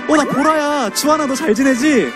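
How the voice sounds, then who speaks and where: A man's voice: very high voice, moderate pace, over music, voice pushed up. A man voicing a cheerful young woman who chats with a friend on the phone. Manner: bright, friendly phone chat.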